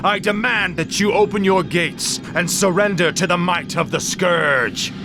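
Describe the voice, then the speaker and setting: Man acting Arthas, low-voiced arrogant undead death knight. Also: moderate pace, over loud music, lightly acted. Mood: commanding. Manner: commanding, menacing. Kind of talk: dramatic video game acting.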